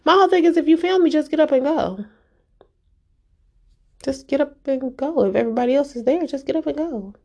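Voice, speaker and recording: A woman's voice: sits high, a little fast, creaky, long pauses, darkish tone. A woman vlogger giving a casual, emphatic rant straight to her viewers, exasperated and direct.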